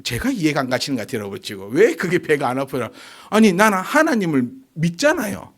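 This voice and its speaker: Forties male pastor, sermon delivery, rhetorical questions, voice swinging wildly high and low. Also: fast. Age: 40s. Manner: animated, fires rhetorical questions at the congregation.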